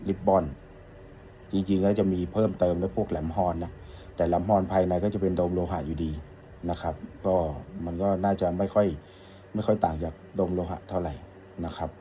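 A man's voice: sits low, warm tone, a little hiss or hum. A middle-aged man, an audio shop owner, casually answering a customer's question in a rambling, friendly way. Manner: rambling, friendly, polite particles. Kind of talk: casual talk to camera.

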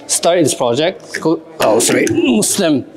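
A man in his thirties from Japan, with a Japanese accent, giving a casual, halting talk to a young audience with many fillers and questions. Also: a little high, big pitch swings. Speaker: lecturer and festival speaker. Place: large hall, indoors. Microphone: stand microphone. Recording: roomy hall echo.

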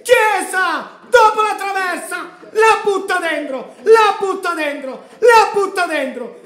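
Guy in his 30s screaming over a football match, high voice, slow drawn-out shouts, echoey living room. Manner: shouting excitedly, chanting names, fists pumping. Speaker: football fan streamer. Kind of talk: live match reaction commentary. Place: living room with a grey sofa. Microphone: fixed camera at desk distance.

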